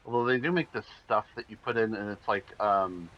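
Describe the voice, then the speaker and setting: On a gaming stream, a man with a fairly low voice chats casually at a brisk pace. He rambles in a laid-back way and says "like" constantly, and the stream audio is dull and lo-fi.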